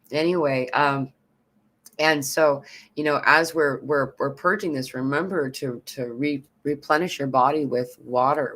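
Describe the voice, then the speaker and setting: Live-stream host, casual and chatty, greets viewers, lively swings in pitch, loose filler-heavy delivery. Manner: chatty, greets viewers and reads comments aloud. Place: New York City.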